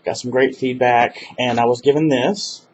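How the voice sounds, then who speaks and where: A man's voice: mid-range voice, steady tone, normal speed. A man, talking casually in a video diary and rambling with many fillers and restarts. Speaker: vlogger. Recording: dull lo-fi webcam audio with faint hiss.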